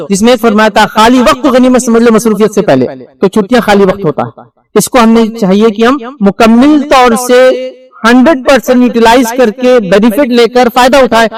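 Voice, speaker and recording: Rapid, high-voiced preacher. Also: male voice, rough recording. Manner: earnest, lecturing, with rhetorical questions and asides. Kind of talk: Friday sermon lecture.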